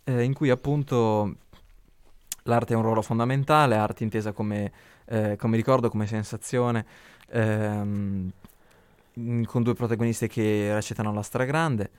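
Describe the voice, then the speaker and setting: A man's voice: on the low side, steady tone, a little slow, clean tone, no echo. Hesitant man co-hosting a podcast. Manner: hesitant, restarts phrases. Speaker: podcast co-host. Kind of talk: casual film chat.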